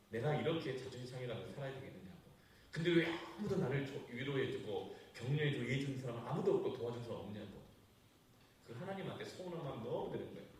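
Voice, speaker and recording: Male pastor, sermon, animated storytelling, booming church echo, voice from far off. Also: a little hiss or hum. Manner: animated storytelling with sudden swings between loud and hushed. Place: church sanctuary. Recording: echoey church hall, voice from far off.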